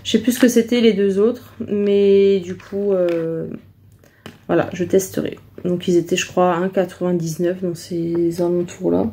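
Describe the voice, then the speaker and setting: A woman's voice: lowish voice, fairly even intonation, measured pace, mellow. A woman chatting casually through a shopping haul vlog, hesitant and full of fillers. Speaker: vlogger showing a shopping haul.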